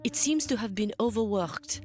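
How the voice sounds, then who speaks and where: Calm, gentle ship doctor woman acting. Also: fairly high pitch, moderate pace, soft background music, close to an everyday voice. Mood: calm, apologetic. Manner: calm, considerate. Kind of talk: scripted sci-fi audio drama.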